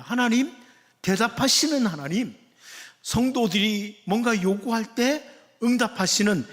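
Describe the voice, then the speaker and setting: Man preaching in a reverberant church. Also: fairly high pitch. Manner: earnest, conversational preaching, acts out quoted questions. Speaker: pastor. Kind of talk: sermon. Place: church sanctuary.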